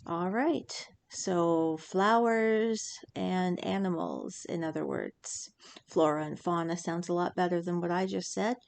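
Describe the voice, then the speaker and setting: A woman reviewing a tarot deck in a chatty, rambling way, full of fillers and restarts, her voice a bit hoarse from incense smoke. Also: lowish voice, steady tone, measured pace. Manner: chatty, self-interrupting, lots of fillers. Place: indoors at home, incense burning.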